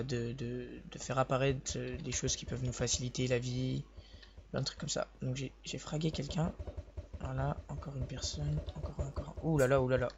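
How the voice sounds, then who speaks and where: A young man talks quietly through a sore voice while playing, rambling and backtracking as he explains the game. His pitch sits in an ordinary middle range. The recording is a little dull and lo-fi, with a faint hiss underneath. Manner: hesitant, rambling, restarts sentences. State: sore voice, speaking softly. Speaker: gaming video host. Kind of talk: live gameplay commentary.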